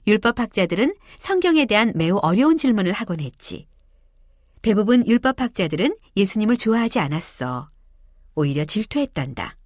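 Woman storyteller for kids, lively pitch, dry close sound. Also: no echo. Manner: warm, expressive, addressing children. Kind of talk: children's Bible story narration.

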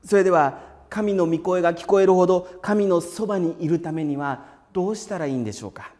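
A man preaching a calm, measured sermon in a steady voice, sometimes dropping to a hushed whisper. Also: high-pitched, big-room sound. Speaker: pastor.

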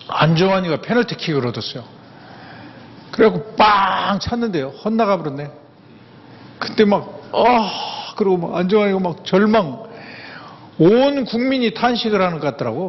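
A man's voice: sits high, expressive, moderate pace, pauses often, slight background noise. An older man giving a humorous lecture, folksy and anecdotal, repeating words for emphasis. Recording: echoey hall, dull sound, faint ambience.

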